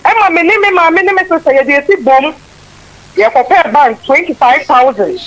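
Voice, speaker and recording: A Ghanaian-accented woman calling in on the phone, explaining herself in a measured, defensive way. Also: high-pitched, lively intonation, rough recording. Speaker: caller, the footballer's sister. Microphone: phone line.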